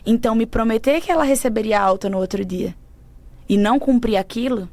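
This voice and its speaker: Woman guest on a podcast, earnest emotional testimony, goes quiet a lot. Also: fairly high pitch, a little fast, dry recording. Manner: earnest, emotional storytelling, often drops to soft tones. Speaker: podcast guest, mentor of women. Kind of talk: personal faith testimony in conversation.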